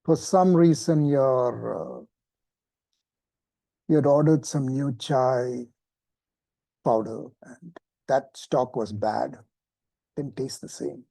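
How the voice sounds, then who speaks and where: A man teaching an informal spoken lesson, relaxed and self-deprecating, often restarting his sentences. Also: medium pitch, slow pace, gravelly, long pauses, no room sound. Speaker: meditation teacher.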